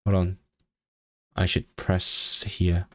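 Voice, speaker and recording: A man from Hong Kong speaks with a vague non-southern English accent in a somewhat low voice. He chats on a livestream, reading out comments and rambling through his thoughts, restarting words and leaping up in pitch when something excites him. The sound is close and dry, with no room echo. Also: takes it slowly. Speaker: language-learning streamer.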